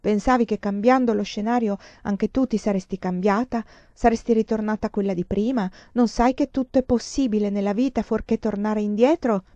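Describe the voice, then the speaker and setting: A woman's voice: mid-range voice, fairly even intonation, fairly quick, few pauses, mellow, no room sound, natural voice. A furious young woman hurls stifled, bitter accusations at a roommate she believes has lied to her, as the narrator puts her on. The voice hisses and cuts hard. The audiobook recording is dry and somewhat dull.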